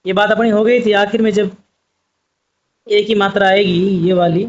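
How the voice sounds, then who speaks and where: A man's voice: sits high, fairly even intonation, moderate pace, highs cut off. A man teaching Urdu script, patiently spelling out letters one by one. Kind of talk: slow spoken writing lesson.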